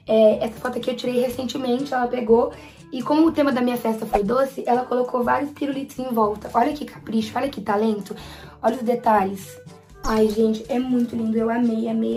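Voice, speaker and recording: A woman's voice: a little high, warm tone. A nineteen-year-old woman with a Brazilian accent, chatting to camera at home in a gushing, enthusiastic way. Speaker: vlogger. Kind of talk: casual chat to camera. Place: at home near her bed. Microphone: camera with ring light.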